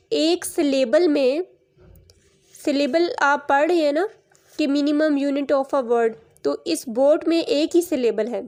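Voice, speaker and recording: High-voiced, slow woman teacher. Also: darkish tone. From Pakistan. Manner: spells words out sound by sound, switching to Urdu to explain. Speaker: English teacher. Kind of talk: recorded classroom lesson.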